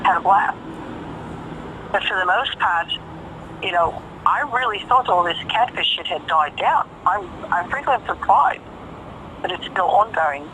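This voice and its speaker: A woman's voice: lowish voice, animated, a little slow, pauses often, bright, forceful tone, a little hiss or hum. A woman talking casually on a phone call, emphatic and profane, repeating phrases for stress. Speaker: caller.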